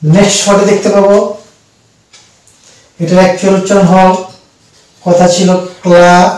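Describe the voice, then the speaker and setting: A man with a Bengali accent gives a slow, repetitive lesson to his students, his voice sitting a bit high. He sounds far from the mic, in a very echoey room. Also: level tone, a little mellow. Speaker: English teacher. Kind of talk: spoken lesson.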